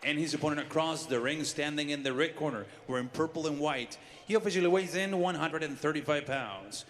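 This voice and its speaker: Booming arena ring announcer, man. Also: fairly bright tone, a faint crowd. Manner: booming, drawn-out name calls. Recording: long reverb of a large arena.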